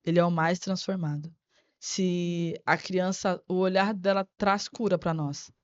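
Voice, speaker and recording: A woman's voice: fairly low pitch, fairly even intonation, unhurried, no room sound. A woman guest on a podcast interview, an educator speaking in an earnest, reflective way and repeating words as she thinks. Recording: dry, slightly dull sound.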